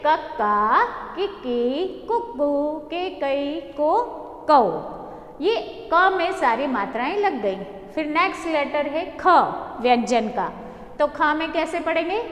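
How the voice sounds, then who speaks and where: A teacher drilling Hindi syllables for young children in a reassuring, sing-song way, speaking with an Indian accent. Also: female voice, high voice, fairly bright tone. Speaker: primary school teacher. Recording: echoey room with long reverb.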